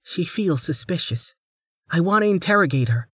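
A man's voice: a little high, expressive, normal speed, fairly bright tone, slightly rough, no room sound, studio quality, pitched above the performer's own voice, full character voice. A man voicing an impatient, commanding noble lady who snaps out orders in an audiobook. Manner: imperious, snapping orders. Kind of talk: audiobook character voice.

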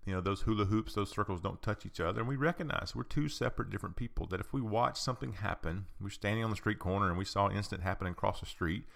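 A man giving an informal talk on personal boundaries, explaining patiently with rhetorical questions, frequent ums and an occasional cleared throat. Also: lowish voice, fast talker, hardly any pauses, a bit bright. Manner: clears his throat often.

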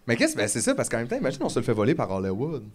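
A man's voice: mid-range voice, wildly swooping pitch, very fast. A man with a Quebec French accent hosting a podcast, teasing and enthusiastic in casual chat. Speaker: podcast host.

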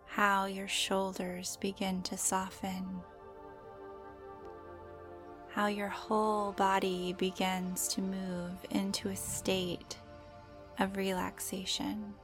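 A woman guiding a meditation in a soft, breathy, soothing voice, with gentle drawn-out phrasing and pauses. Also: mid-range voice, completely flat delivery, music in the background. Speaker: meditation guide.

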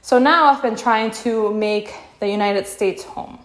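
A woman's voice: medium pitch, unhurried. A young woman from Peru, hosting a casual podcast monologue, candid and chatty, laughing often and saying "like" and "you know" a lot. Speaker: podcast host.

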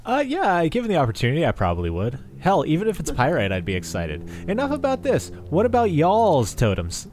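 A man's voice: a little high, wildly swooping pitch, brisk, hardly any pauses, a little mellow. A man from New England hosting a podcast in casual chat, joking and swearing, with big swings in his voice. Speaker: podcast host.

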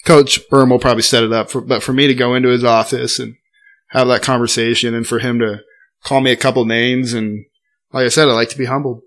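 A man's voice: medium pitch, little pitch movement, brisk, fairly bright tone. A young man, a podcast guest, telling stories in casual chat, loose and full of fillers, recorded in a garage studio. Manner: loose and chatty, full of "like" and "I mean". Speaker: podcast guest, college golfer.

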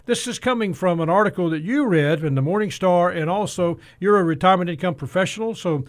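A man's voice: sits high, fast talker. A man hosting a financial talk show, asking questions and summarizing the guest's points. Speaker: host.

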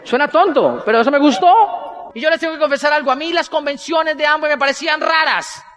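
A man giving a motivational stage talk, an animated storyteller who bursts into shouting. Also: very high voice, brisk, long reverb tail. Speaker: business speaker.

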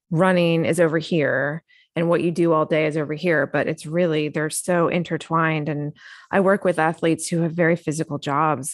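Low-voiced woman in her forties hosting. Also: no echo, clean studio sound. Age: 40s. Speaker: podcast host and running coach. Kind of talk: casual podcast interview.

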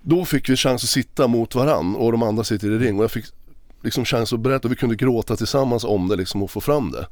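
A man speaking as a podcast guest, recounting a personal story in a halting, emotional way with many restarts. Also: medium pitch, darkish tone, no room sound, clean studio sound. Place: podcast recording session.

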